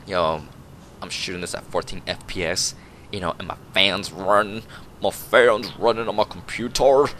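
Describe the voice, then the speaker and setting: A young man giving jokey, rambling commentary over a shooter game, breaking into excited yelps and laughter. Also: low-pitched, moderate pace, slight background noise. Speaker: gameplay commentator. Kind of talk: goofy live gameplay commentary.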